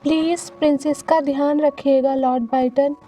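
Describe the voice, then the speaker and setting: Woman reading as a gentle queen mother. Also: sits high, steady tone, normal speed, recorded from a distance, faint music behind, lightly acted.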